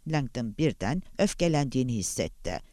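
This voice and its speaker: A man narrating a thriller audiobook with a very animated, sweeping pitch and dramatic emphasis. He sounds dry and close to the microphone, with no room echo. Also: brisk.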